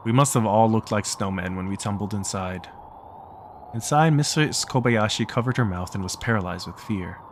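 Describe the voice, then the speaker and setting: A man's voice: lowish voice, moderate pace, slight background noise. A man reading a visual novel's text aloud for a let's play, narrating plainly and stopping now and then to joke and laugh. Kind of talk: reading game text aloud with casual asides.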